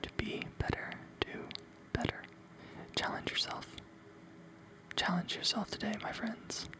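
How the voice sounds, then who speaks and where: In a breathy, voiceless whisper, an ASMR host offers encouragement at a slightly slow pace, cycling through the same motivational lines repeatedly.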